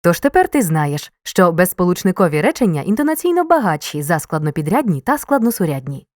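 A woman narrating a scripted grammar lesson, reading example sentences in a clear, measured way with marked intonation. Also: fairly low pitch, sing-song, a little mellow.

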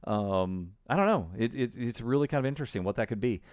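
Talking fast in an expressive, slightly mellow medium-pitched voice, this middle-aged male podcast co-host muses aloud in casual, speculative conversation. A close boom-arm podcast mic picks him up in a small indoor home room, with no room sound.

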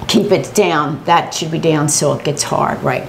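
An older woman with a deep, gravelly voice demonstrates a family recipe, walking through each step plainly and practically at a measured pace. It's a casual cooking demonstration by a home cook, with a little hiss or hum in the background.

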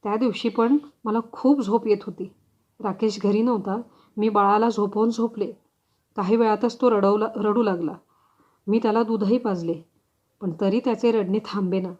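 A woman voicing a frightened, guilt-stricken young mother confessing in halting words, on a slightly dull recording. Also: mid-range voice, fairly even intonation, mellow, natural voice.

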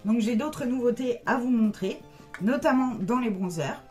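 Chatty woman with a mellow voice. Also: on the high side, expressive, normal speed, faint music behind. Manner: chatty, many hesitant "euh" fillers. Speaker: beauty vlogger. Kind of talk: casual makeup product review.

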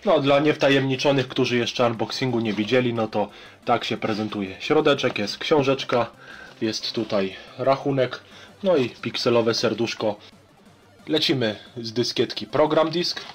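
Polish male vlogger, 30s, average pitch, informal rambling chat and game commentary, recorded at home. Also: normal speed, soft background music. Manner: colloquial, rambling. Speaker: retro gaming vlogger. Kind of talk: casual chat and gameplay commentary. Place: small home room with shelves.

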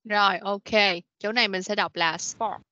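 A medium-pitched, fairly even voice, bright and forceful with no room sound, belongs to a woman teaching kids English online. She is patient, correcting pronunciation, repeating words slowly, and saying "rồi, ok" a lot. The audio is a dull, dry, lo-fi video call meeting recording.

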